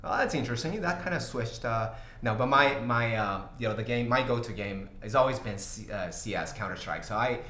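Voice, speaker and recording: A middle-aged Brazilian man, a CEO whose native tongue is Portuguese, fields questions in a casual livestream AMA from a small office studio walled in glass, the sound roomy. His voice sits mid-range, bright and forceful, yet he halts often with uhs, ums and restarts and laughs easily. A little hiss or hum runs underneath.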